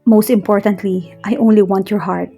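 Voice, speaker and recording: A woman voicing an earnest young man who speaks slowly and softly to the woman he loves. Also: medium pitch, fairly even intonation, husky, soft background music. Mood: tender. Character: tender, earnest young man courting his love.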